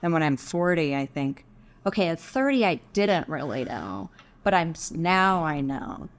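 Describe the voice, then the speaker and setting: Middle-aged woman from Texas, low-pitched, reflective interview guest. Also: sing-song. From Texas, USA. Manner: thoughtful, measured. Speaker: podcast guest, architect.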